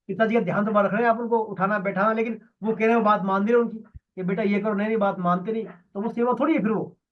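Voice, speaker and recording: A man's voice: sits high, dull audio. A man giving a devotional scripture lesson, explaining and repeating key words for emphasis. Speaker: Gita teacher.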